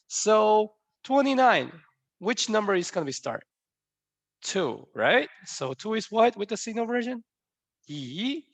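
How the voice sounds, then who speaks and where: A young Korean man, a native Korean speaker with a Korean accent, teaches a language lesson in English. His voice sits high with a fairly bright tone and no echo, and he playfully quizzes his viewers with repeated questions.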